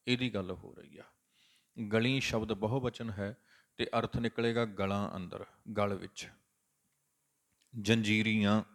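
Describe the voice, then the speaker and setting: A man giving a scripture exposition, slowly chanting verse lines and then explaining each word. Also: lowish voice, vocal fry. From Punjab. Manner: slow sung-out recitation of verses between explanations. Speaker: scripture teacher.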